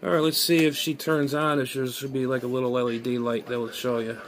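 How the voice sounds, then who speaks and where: Recorded on a phone at arm's length in a small bedroom, the noisy clip features a male amateur radio hobbyist vlogger. His unrehearsed gadget unboxing commentary is hesitant and muttered, thought out loud in a level, mid-range voice.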